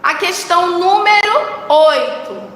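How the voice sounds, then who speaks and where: A woman's voice: extremely high pitch, expressive, takes it slowly, a bit bright. A woman with a Brazilian Portuguese accent teaching a recorded lesson for children, coaxing them along by asking questions and answering them herself. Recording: echoey room with long reverb, faint noise.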